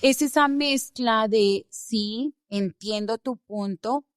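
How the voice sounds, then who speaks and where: A woman's voice: fairly high pitch, slow pace, clean tone, dry recording, studio quality. Emphatic woman, lawyer from Colombia. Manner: animated, emphatic storytelling. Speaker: immigration lawyer, guest. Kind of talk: podcast interview.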